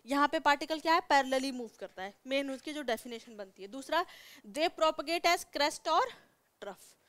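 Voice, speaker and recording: High-voiced Indian woman teaching science. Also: lively intonation, normal speed, fairly bright tone. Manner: explains step by step, repeats key words, checks in with 'theek hai'. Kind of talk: classroom lecture to students.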